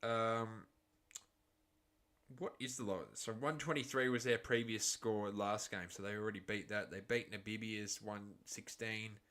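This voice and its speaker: A man with an Australian accent giving a live cricket reaction commentary, shifting between excited calls and chatty asides. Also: fairly low pitch, measured pace.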